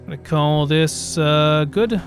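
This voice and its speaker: A man's voice: on the high side, slow pace. A man giving casual, rambling commentary over a video game, thinking aloud and correcting himself, with game music faintly behind him. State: hiccuping. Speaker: gameplay commentator.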